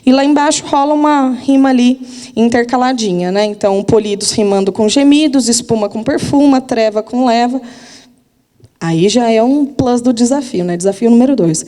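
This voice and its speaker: A woman's voice: on the high side, normal speed, dark tone, in a large hall. A literature teacher, giving a casual, chatty lesson and often asking her students if they are following. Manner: chatty, informal, asks listeners for agreement.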